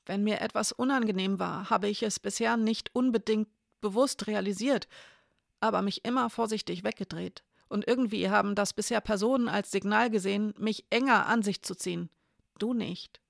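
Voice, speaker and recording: A gently spoken adult woman, quiet and tender after crying, as a storyteller reads her lines. The voice is gravelly and sits in a middle register. It is recorded close and dry, with no room sound. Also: mid-range voice, normal speed, no echo, voice pushed up, close to an everyday voice. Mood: earnest.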